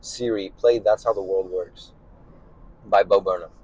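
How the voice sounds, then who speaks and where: A young man co-hosting a casual podcast chat in a car, goofy and slangy, with vocal fry. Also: low-pitched, steady tone, unhurried, darkish tone, rough recording. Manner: goofy, slangy, lots of laughing. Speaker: podcast co-host.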